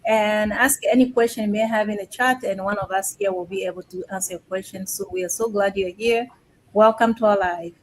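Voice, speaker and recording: A woman's voice: mid-range voice, steady tone, brisk, slight background noise, poor audio. A woman from Congo welcoming live stream viewers with enthusiasm.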